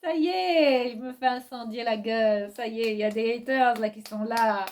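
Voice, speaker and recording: A woman's voice: a little high, level tone, fairly quick, a little mellow. A woman with a Réunionese accent, casually answering viewer questions in a vlog, frank and teasing, laughing often as she talks. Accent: Réunionese French.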